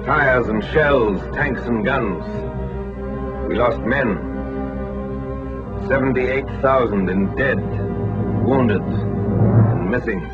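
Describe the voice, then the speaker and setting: Man, old newsreel narrator, dramatic announcer delivery, muffled 1940s soundtrack, loud orchestral score. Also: medium pitch, drawn-out words, pauses often, over loud music.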